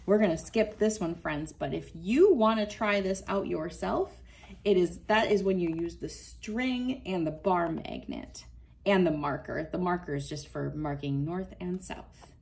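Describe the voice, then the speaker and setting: In a small wood-panelled room, a woman in her thirties hosts a read-aloud, sharing a picture book with young children, instructing them and tossing in casual asides while she demonstrates. Her voice sits on the low side, creaky and darkish, at a measured pace.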